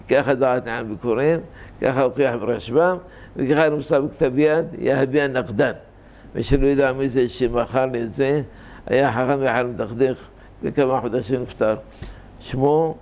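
A man's voice: mid-range voice, gravelly, darkish tone. An older man giving an informal Torah lesson on grammar, explaining patiently and drifting into anecdotes. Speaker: rabbi teaching Torah grammar.

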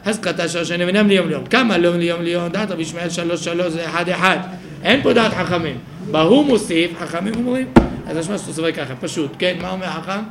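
A man's voice: sits high, background noise. A man teaching a Talmud study class, explaining the text aloud and thinking it through with self-corrections.

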